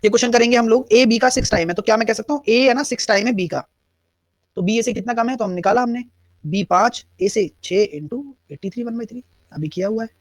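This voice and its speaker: In a live online math class, a man with a high voice and Hindi-English accent talks quickly, explaining things step by step and taking students' chat questions. The recording has no room sound.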